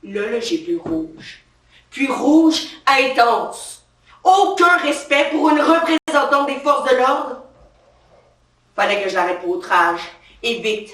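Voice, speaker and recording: A swaggering, defensive female cop, played by a woman in a satirical stage monologue. The voice is sharp and tense, picked up from across an echoey theatre stage. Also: high voice, very animated, slow pace, heavily acted. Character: brash trigger-happy female police officer, touchy and power-proud. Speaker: stand-up character performer. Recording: roomy stage sound from far off.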